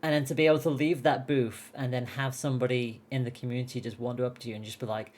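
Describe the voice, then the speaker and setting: A woman's voice: a bass voice, fairly even intonation, fast, a little mellow. A woman hosting a casual podcast chat, talking openly and emotionally and laughing often. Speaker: podcast host and esports caster.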